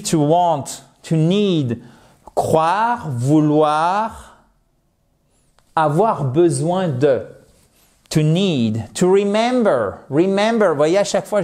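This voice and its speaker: A man teaching a language lesson online, talking straight to his viewers in a lively, emphatic way. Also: fairly high pitch. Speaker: English teacher.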